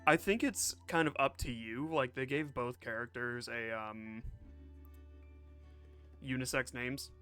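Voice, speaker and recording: Male streamer, joking, laid-back, mid pitch, reads game narration, faint music. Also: a little slow, long pauses, sharp tone.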